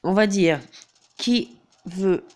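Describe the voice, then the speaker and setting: A teenage boy with a head cold, a gaming YouTuber, narrates a game tutorial over the screen in a high, very slow voice. He's hesitant and heavy on filler, returning again and again to "donc voilà."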